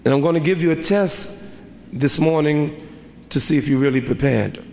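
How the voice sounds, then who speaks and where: A man's voice: fairly high pitch, moderate pace, gravelly, darkish tone. A middle-aged man preaching a sermon as an imam, with a rhythmic delivery full of repeated rhetorical questions. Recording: reverberant hall, faint ambience.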